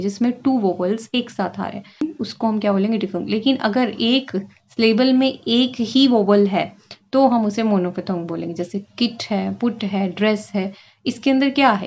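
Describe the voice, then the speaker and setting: In a lo-fi recording, a woman whose mid-range voice is a little mellow leads exam-prep lessons, walking through terms and past questions. She keeps asking "ठीक है?" along the way and reads the English questions in a drawn-out manner.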